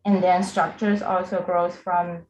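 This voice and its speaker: A young woman presents her project over a video call at a slow, careful pace, often stopping on filler sounds and restarting words. Her voice sits low for a woman. The call audio sounds echoey, with a faint hiss behind it. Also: flat delivery, darkish tone, muffled recording. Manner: hesitant, with many filler "um"s and word restarts. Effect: heard over a video call. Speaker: student presenting remotely. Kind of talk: presenting a design project in a review.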